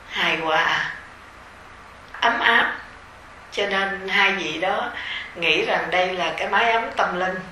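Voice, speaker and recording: A middle-aged woman with a Southern Vietnamese accent gives a dharma talk to her retreat group. She speaks slowly and gently, with a bright, clear tone and the easy fillers of someone talking rather than reading. Her voice rings in an echoey hall with faint ambience behind it. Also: medium pitch, a little hiss or hum. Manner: gentle, unhurried, conversational with soft fillers. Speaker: meditation teacher leading a retreat.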